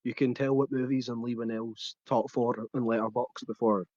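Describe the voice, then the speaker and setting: A man's voice: medium pitch, little pitch movement, moderate pace, darkish tone, no room sound, muffled recording. A man co-hosting a podcast, chatting about films, often laughing and searching for the right words. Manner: chatty, laughs while telling, hunts for words. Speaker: podcast co-host. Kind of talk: casual film chat.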